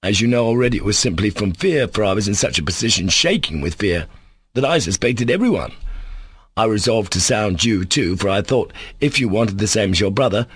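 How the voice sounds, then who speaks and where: A man's voice: fairly low pitch, lively intonation, fairly quick, breathy edge, dry recording. A man reading an audiobook, voicing a sickly, resentful male servant who talks coolly and sarcastically. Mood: insolent. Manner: cool, defiant, sarcastic.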